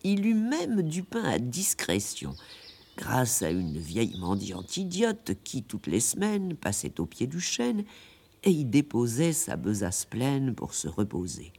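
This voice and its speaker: A man narrating a classic tale in a radio drama, with an expressive telling. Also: medium pitch, slow pace, gravelly, breathy edge. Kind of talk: scripted storybook narration.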